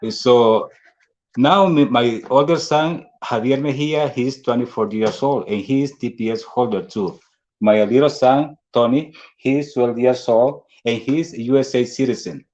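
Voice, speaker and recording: A man in his forties with a Salvadoran Spanish accent speaks in slow, earnest and halting English, at an ordinary pitch for a man. The audio is dull and lo-fi. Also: darkish tone. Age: 40s. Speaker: speaker at a fundraising dinner. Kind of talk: prepared personal speech.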